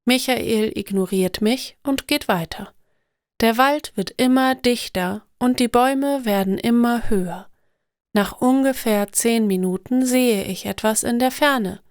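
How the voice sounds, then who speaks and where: A woman narrating stories for language learners in a slow, clear, deliberate scripted reading. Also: fairly high pitch, dry recording, clean studio sound.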